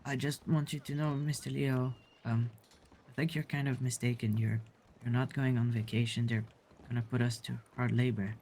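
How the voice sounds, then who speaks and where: A man's voice: medium pitch, flat delivery, normal speed, darkish tone, slight background noise. A man in a western roleplay as a fellow prisoner, grumbling with wry complaints. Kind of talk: in-character western roleplay chat.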